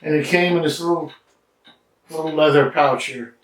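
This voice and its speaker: A man reviews things in a chatty, halting way, stopping often on fillers. His voice sits a bit high. He is indoors in a study, a little back from the mic, and the room echoes strongly around him. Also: distant mic, slight background noise. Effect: strong room echo. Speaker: cigar and drink reviewer. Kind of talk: casual vlog review.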